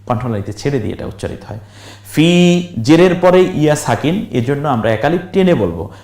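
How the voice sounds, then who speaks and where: In this recorded lesson, a Quran reading teacher spells and chants words, breaking them down slowly one syllable at a time and asking viewers questions. He speaks at a fairly high pitch, very animated, with a darkish tone. The sound is roomy.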